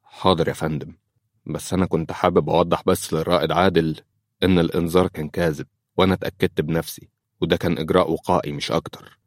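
A man with an Egyptian accent playing a clinic employee who explains himself quickly and defensively. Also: low voice, flat delivery, no echo, clean studio sound.

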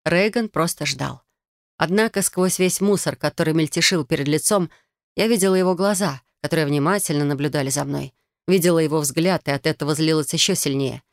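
A woman narrating a first-person fantasy novel in an expressive, emotional reading. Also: sits low, brisk, no room sound, clean studio sound. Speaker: audiobook reader.

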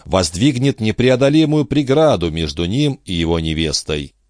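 A man narrating an adventure novel in a steady, expressive reading style. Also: low-pitched, dry recording, studio quality. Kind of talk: audiobook narration.

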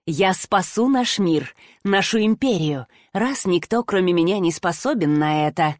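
A woman reading a storybook voicing a cold, fanatical woman scientist who speaks slowly and with contempt. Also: fairly low pitch, animated, darkish tone, dry recording, studio quality. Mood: calm.

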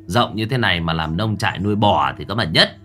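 A young ghost-hunting master with a wry, joking manner and a low, quick delivery, as a male storyteller puts him on. Soft music hums underneath. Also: animated, exaggerated voice.

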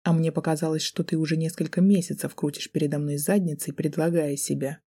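A woman narrator voicing a mocking, menacing young male student in an audiobook, speaking low and soft in a taunting way. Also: flat delivery, a little fast, husky. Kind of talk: audiobook character voice.

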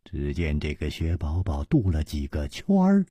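A man's voice: rumbling low, huge pitch swings, moderate pace, mellow, breathy edge, no room sound. A man telling a long martial-arts story for radio with a dramatic, wide-swinging delivery.

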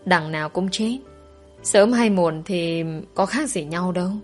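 A woman voicing an ill, tired mother who speaks in a gentle, resigned way. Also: on the low side, unhurried, faint music behind, close to an everyday voice. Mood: weary.

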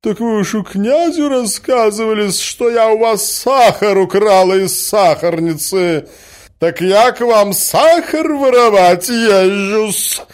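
Man doing a shrill squealing provincial lady. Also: slow. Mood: indignant. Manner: indignant, adds a servile -s to words.

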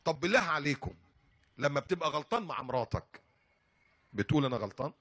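A man's voice: on the high side, quick pace, slightly rough. An older man with an Upper Egyptian Arabic accent who preaches a sermon and tells stories and jokes with plenty of humor. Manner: lively storytelling, jokes and laughs.

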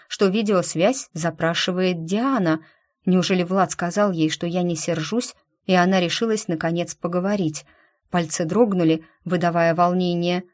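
A woman narrating a first-person audiobook in an even, measured reading. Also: fairly low pitch.

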